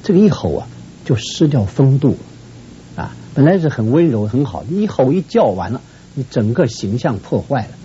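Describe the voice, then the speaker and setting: A man from Shenyang, a family counselor giving earnest, admonishing advice to viewers. His pitch jumps up sharply whenever he stresses a point. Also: very animated, normal speed, warm tone, dull audio, slight background noise. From Shenyang, northeast China. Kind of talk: advice talk to a viewing audience.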